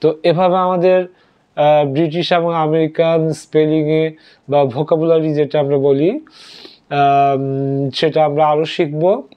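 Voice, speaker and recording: A man teaching an English vocabulary lesson, spelling words out letter by letter and repeating them slowly. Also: fairly high pitch, fairly even intonation, clear, resonant tone. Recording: dull lo-fi audio.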